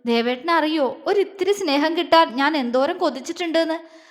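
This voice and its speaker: A woman's voice: high-pitched, normal speed, in a large hall, close to an everyday voice. A woman voicing a young wife in a romance story, confiding her feelings in a tearful, heartfelt way.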